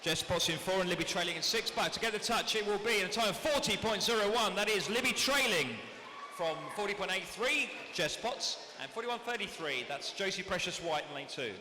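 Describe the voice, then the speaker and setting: A man announcing a swimming meet over a PA system, reading lanes, names and times briskly and matter-of-factly, with race commentary. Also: high voice, pushed and bright. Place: indoor swimming pool hall. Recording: echoey PA sound in a large hall, with noise.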